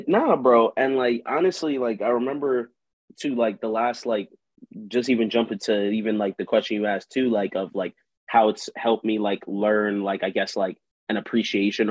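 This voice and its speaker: In a casual interview, a male musician and writer speaks loosely and with plenty of slang, leaning heavily on "like". His voice is lowish and a little mellow, and the audio is dull, lo-fi, close and dry with no echo.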